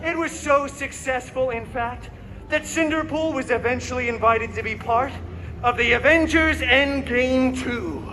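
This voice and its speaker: A man with an extremely high, sharp-toned voice speaks at a measured pace as a cocky, wisecracking comic-book antihero. He's a costumed performer hosting a live story show at an outdoor theme park, telling a fairy tale theatrically in a boastful, sarcastic mood with self-mocking asides. It's recorded from the audience amid a noisy outdoor crowd.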